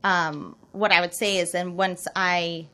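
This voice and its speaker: A woman from Utah, a film director, who speaks reflectively as a podcast guest, with many pauses and fillers. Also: fairly low pitch, steady tone, sharp tone, smooth. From Utah, USA. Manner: reflective, many ums and likes. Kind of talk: casual interview chat.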